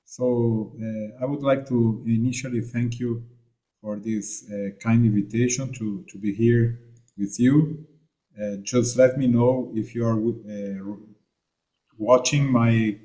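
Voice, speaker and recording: A man from Argentina addresses a seminar from afar over a video call. His delivery is halting, full of fillers and restarts, at an ordinary middle pitch. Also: dark tone, lo-fi sound. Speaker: invited remote speaker. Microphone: remote video call.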